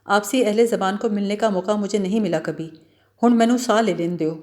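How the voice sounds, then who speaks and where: A woman's voice: medium pitch, a little mellow, close to an everyday voice. A woman voicing a witty young village man. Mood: joking. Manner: joking, mock-dramatic.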